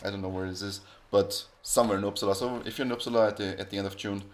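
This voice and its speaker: Rambling low-voiced podcast host, man. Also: steady tone, very fast. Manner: rambling, frequent restarts and self-corrections. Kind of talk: casual podcast chat.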